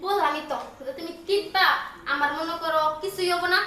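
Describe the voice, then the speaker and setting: A young woman playing a bold, sharp-tongued wife of a man working abroad in a comic skit, recorded from far off in an echoey room. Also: very high-pitched, brisk. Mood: teasing, mocking. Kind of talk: comic village skit acting.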